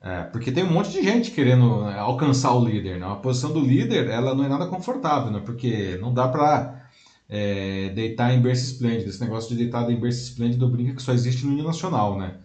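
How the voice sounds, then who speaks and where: A man with a mellow, darkish voice talks through the topic as co-host of a live show. He explains at length and keeps checking in with little tag questions. The sound is roomy and echoey. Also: mid-range voice, lively intonation, fast talker, highs cut off. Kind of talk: casual commentary on a live show.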